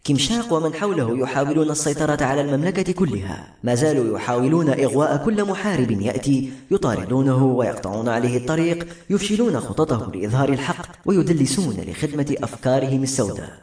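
A man reading the lines of a gentle, motherly queen in a soft voice with a slight tremble, calm and measured. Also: medium pitch, close to an everyday voice. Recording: roomy echo with soft music.

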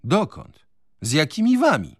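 A man's voice: fairly high pitch, huge pitch swings, unhurried, husky, dry recording, studio quality, pitched above the performer's own voice, heavily acted. A man reading a novel on radio, voicing a skeptical, cautious male prisoner who sneers and philosophizes.

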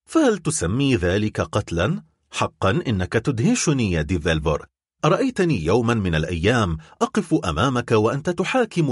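A man's voice: fairly low pitch, husky, dry recording, clean studio sound, full character voice. A man voicing a scornful old conspirator. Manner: sarcastic, cold and taunting. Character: scornful old male Bonapartist conspirator, the father. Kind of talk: audiobook character reading.

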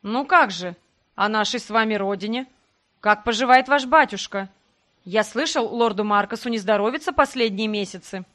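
A woman reading the part of a scheming middle-aged nobleman in an audiobook, who speaks loudly, accusingly and with false friendliness. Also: mid-range voice, moderate pace, natural voice. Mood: insistent. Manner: loud, accusing, fake-cordial.

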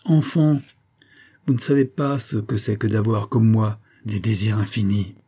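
A man's voice: on the low side, fairly even intonation, a little slow, warm tone, husky. A man reading the part of a grave, brooding young officer who speaks earnestly and solemnly in an audiobook. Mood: somber. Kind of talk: audiobook character voice.

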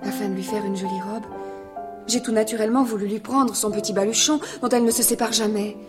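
A woman's voice: medium pitch, steady tone, fast, over music, lightly acted. An actress playing Adrienne, a kind and anxious lady in a radio drama, speaking earnestly and emotionally, at times in a whisper.

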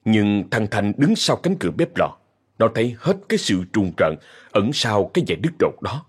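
A man with a Southern Vietnamese accent narrating a horror story in a measured, ominous way. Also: fairly low pitch, very animated, slightly rough.

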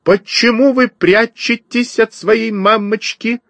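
A man voicing a fat, bossy female sparrow in a storybook reading, chattering and scolding in a shrill voice. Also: steady tone, slow, creaky, fairly bright tone, no room sound, heavily acted. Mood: coaxing. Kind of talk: audiobook character voice.

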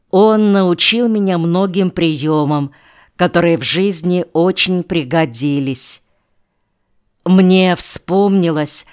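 A woman narrating an audiobook in a measured, unhurried reading with pauses between phrases. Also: lowish voice, smooth. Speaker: audiobook reader.

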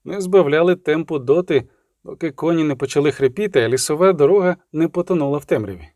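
A man narrates an audiobook in a steady, measured dramatic manner. His voice sits a little higher than most men's. The sound is close and dry, with no room echo.

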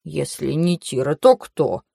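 Woman reading as a slow hesitant old mentor guy, dry close audio. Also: deep voice, big pitch swings, vocal fry, warm tone, breathy edge, no room sound, pitched below the performer's own voice, exaggerated voice. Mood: measured. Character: elderly male clan mentor, fussy and measured. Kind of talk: audiobook character voice.

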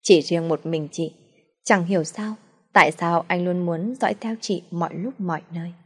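A woman narrating a dramatic family story in a calm, measured way. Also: on the low side, slightly rough.

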